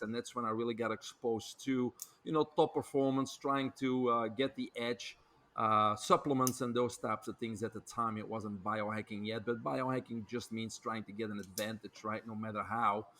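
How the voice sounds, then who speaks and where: A middle-aged Belgian doctor and author, speaking with a Belgian accent, tells his story fluently as a podcast interview guest, using frequent filler words. His voice is medium in pitch with a sharp tone.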